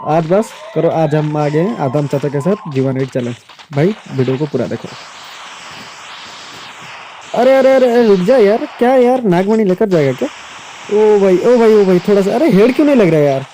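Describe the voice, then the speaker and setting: A young man giving casual, excitable live commentary over a mobile game he is playing, often breaking into exclamations. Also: fairly high pitch, a little fast, a little hiss or hum. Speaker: gaming YouTuber.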